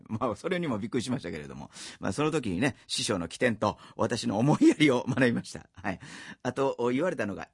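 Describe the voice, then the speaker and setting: A man's voice: fairly low pitch, no echo, studio quality. A middle-aged man with a Kansai accent, telling comic anecdotes as a rakugo storyteller and acting out the voices. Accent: Kansai Japanese. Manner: lively storyteller, acts out voices.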